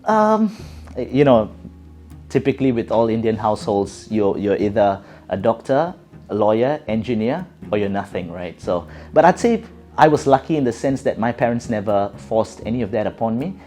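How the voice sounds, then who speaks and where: A man's voice: fairly low pitch, sing-song, normal speed, mellow, faint music behind. A middle-aged man from Singapore with a Singaporean English accent, giving thoughtful interview answers with many fillers and restarts. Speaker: guest.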